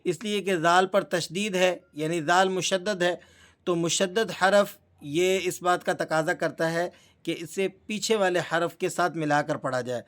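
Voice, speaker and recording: Recitation teacher, male, Pakistani Urdu accent, slightly high pitch, calm step-by-step lesson delivery. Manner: patient, explanatory, drawn-out recited examples.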